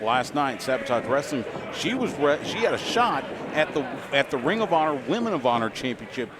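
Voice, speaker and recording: Guy doing color commentary at a wrestling show, normal pitch voice, noisy venue with crowd behind. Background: crowd noise.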